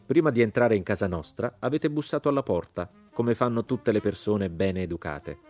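A man's voice: lowish voice, expressive, normal speed, a little mellow, faint music behind, lightly acted. A man reading the lines of a courtly, well-mannered marquis in an audiobook.

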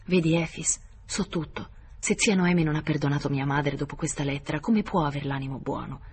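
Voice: medium pitch, a little fast, husky. A reader voicing an anguished, impulsive young man who pleads and breaks into whispers, in an audiobook. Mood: bitter. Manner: emotional, pleading, sometimes whispered. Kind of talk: audiobook character voice.

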